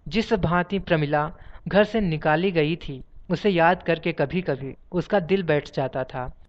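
A narrator giving a steady, measured literary story reading and reading page numbers aloud. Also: mid-range voice. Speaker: audiobook narrator. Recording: dull lo-fi recording.

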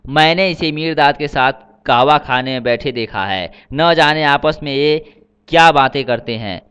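A man's voice: fairly high pitch, unhurried, fairly bright tone, clean tone, muffled recording. A man voicing a suspicious, resentful Sikh man who accuses and sneers in a storybook reading. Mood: accusing.

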